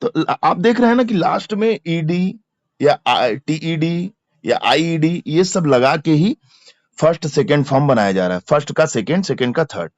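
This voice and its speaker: A man's voice: a little high, lively intonation, moderate pace, dry recording. A male teacher with a Hindi accent, giving an exam-prep grammar lecture, spelling words out letter by letter and repeating each verb form. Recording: dry, slightly dull lo-fi mic.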